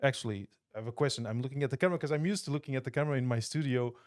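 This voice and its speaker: A man's voice: medium pitch, rapid-fire, a little mellow. Thoughtful man from Portugal, podcast guest. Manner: thoughtful, many restarts and fillers. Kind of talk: casual interview chat. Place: podcast studio.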